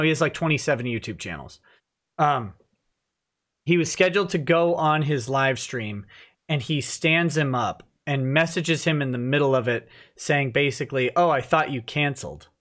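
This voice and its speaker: The host of a live stream show, a man in his thirties, reads viewers' comments aloud from his indoor home office studio. His medium-pitched voice is a bit bright, and he is talkative and quick to laugh. He wears a headset with a boom mic.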